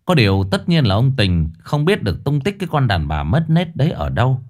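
A man narrating a comic story in a lively, mocking way. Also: mid-range voice, fairly quick.

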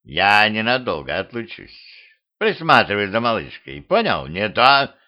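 A man voicing a shrewish old granny witch who scolds in a creaky, crotchety voice. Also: on the low side, big pitch swings, unhurried. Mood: bossy. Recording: dull lo-fi home recording.

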